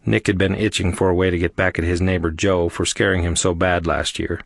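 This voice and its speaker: A man reading an audiobook as narrator, telling the story in an even voice. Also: sits low, fairly quick, creaky, dry recording, studio quality. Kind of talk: scripted narration.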